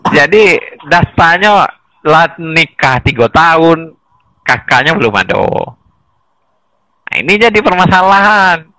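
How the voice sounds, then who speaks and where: Bright-voiced man explaining things animatedly. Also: fairly high pitch, slow pace, long pauses, no echo, rough recording. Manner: animated, chuckles between points, restarts mid-sentence. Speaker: guest explaining village data administration. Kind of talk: casual explanatory conversation.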